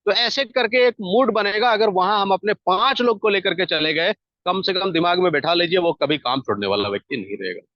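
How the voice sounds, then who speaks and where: A high-pitched man delivers an emphatic, repetitive business pep talk, stacking phrase on phrase to push his point. The sound is dry and slightly dull, like a lo-fi recording. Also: brisk, no echo. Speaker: network marketing team leader.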